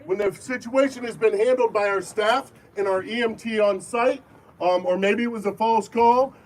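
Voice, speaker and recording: High-voiced man addressing a crowd outdoors, firm and commanding, heard from a distance with faint noise. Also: normal speed. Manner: firm, call-and-response, commanding. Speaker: airsoft event briefing leader. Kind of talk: safety briefing to a crowd. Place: outdoor airsoft field.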